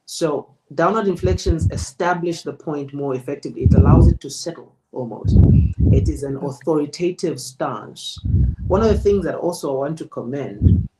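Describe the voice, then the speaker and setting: A man giving a presenter spoken feedback as a public speaking coach, in a measured, emphatic, deliberate way. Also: a little high, very noisy.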